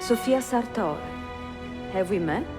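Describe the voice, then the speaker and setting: Over music, an actress voices a curious, poised Italian bookseller in a video game cutscene, speaking in a natural, medium-pitched voice with an Italian accent. Her delivery is animated yet measured, teasing and refined, and she sounds welcoming and surprised.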